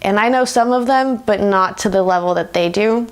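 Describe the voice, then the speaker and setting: With a smooth, medium-pitched voice at normal speed, a twenty-something woman from the United States chats informally and thoughtfully in a conversational interview, often breaking into laughter.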